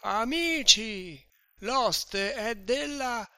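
A man doing a tipsy young man, loud and slurred. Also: on the high side, animated, vocal fry, dry recording, studio quality, exaggerated voice. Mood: drunken outrage. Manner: slurred, drawn-out drunken shouting. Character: drunk young man, boastful and muddled.

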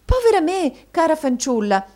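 A woman's voice: fairly high pitch, very animated, a little fast, a little mellow, pitched above the performer's own voice. A woman reading a storybook voices a fond, fussy middle-aged wife who runs a dressmaking shop, exclaiming and affectionate.

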